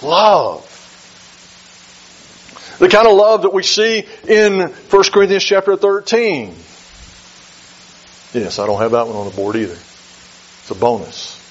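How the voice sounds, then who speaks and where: A man delivers a sermon in a measured, emphatic way, leaning on repeated phrases. His voice sits fairly high for a man, and the recording is dull and lo-fi. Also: breathy edge. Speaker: preacher.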